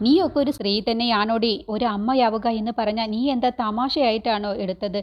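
A woman's voice: fairly high pitch, fairly quick, lightly acted. A woman voicing a stern young woman who scolds and accuses in a retold TV drama. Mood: scolding. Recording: dull lo-fi recording.

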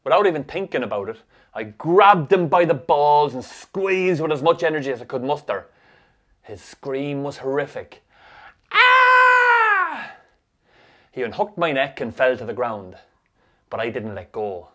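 An Irish man tells the story in voice-over, wry and freely swearing. His pitch sits mid-range for a man but moves a lot, rising and dipping as he narrates. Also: expressive, moderate pace. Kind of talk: scripted voice-over narration for a short film.

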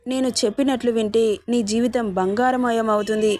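A woman voicing a calculating, childless older sister who smoothly persuades her younger sister to give in. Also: fairly high pitch, fairly even intonation, a little fast, darkish tone, lightly acted. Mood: persuasive.

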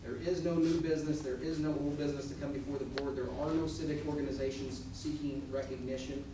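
A man's voice: mid-range voice, steady tone, fast talker. An American man acting as board president, running a formal meeting in a procedural, matter-of-fact way. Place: village board meeting room, indoors. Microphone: far camera from audience. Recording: distant mic, very echoey noisy meeting room.

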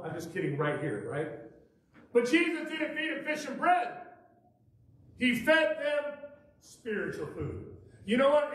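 A middle-aged man preaching a revival sermon from a church pulpit, building to shouts and mixing in playful asides. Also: very high-pitched. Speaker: pastor. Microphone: far camera at the back of the sanctuary. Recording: echoey church from far off.

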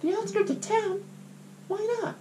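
Man doing a chirpy falsetto game girl. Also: fairly even intonation, measured pace. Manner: high falsetto, bright and chirpy. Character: cheerful young girl, lively and curious. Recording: guitar music playing behind.

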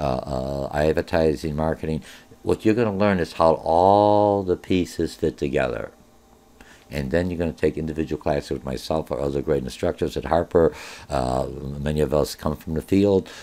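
With a very deep, warm voice, a middle-aged man leads a casual online orientation for his college business course, using many filler sounds. He was born in Germany, and his first language is Polish.

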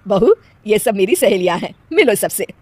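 A woman voicing a touchy middle-aged mother-in-law in a cartoon, scolding loudly and sounding exasperated. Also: medium pitch, big pitch swings, normal speed, no room sound.

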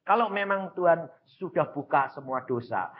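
Elderly Javanese-accented evangelist, high lively delivery, muffled lo-fi tape. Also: male voice, moderate pace, slight background noise. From Central Java, Indonesia. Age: around 80. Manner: emphatic, folksy, addresses the congregation directly. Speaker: evangelist preacher. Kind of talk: sermon.

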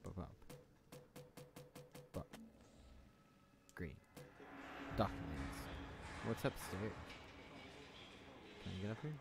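A man's voice: sits low, lively intonation, takes it slowly, vocal fry, pauses often, loud music behind the voice. Jumpy, foul-mouthed man playing a horror game. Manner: swears a lot, talks to game characters; jumpy, yells when startled. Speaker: let's play host. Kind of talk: casual gameplay commentary.

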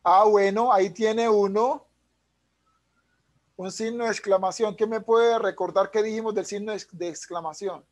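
A man's voice: high-pitched, steady tone, normal speed. A man, an English teacher explaining punctuation patiently over a video call. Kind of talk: online class explanation.

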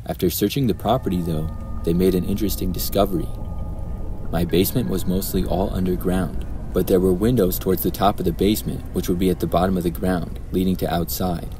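A man narrating true horror stories in a calm, even storytelling manner. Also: low-pitched, a little fast, background noise.

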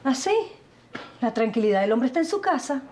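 A woman's voice: a little high, sing-song, brisk, a little hiss or hum. An actress playing a suspicious wife who lectures her husband reproachfully, in a telenovela. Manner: sharp, reproachful, moralizing. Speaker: wife Rafaela. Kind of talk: telenovela acting.

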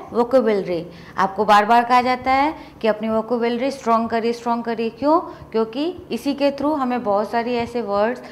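A woman's voice: fairly high pitch, a little hiss or hum. A woman teaching English grammar in a classroom-style lesson, asking rhetorical questions and answering them herself.

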